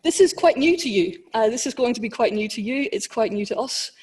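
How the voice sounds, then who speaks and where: A woman, a university director of education, explaining to new students how teaching will work, clear and explanatory with occasional ums. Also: on the high side, animated, fairly quick, a little mellow. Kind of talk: informative address to new students.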